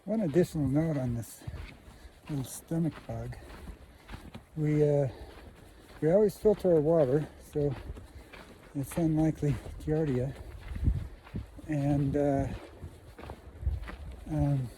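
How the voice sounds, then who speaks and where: Sick hiker man, slow and halting. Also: fairly high pitch, mellow, a little hiss or hum, poor audio. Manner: halting, many "uh" fillers. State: ill and weak, emotional. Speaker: hiking vlogger. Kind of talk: casual trail vlog talk to camera. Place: outdoors on a mountain trail.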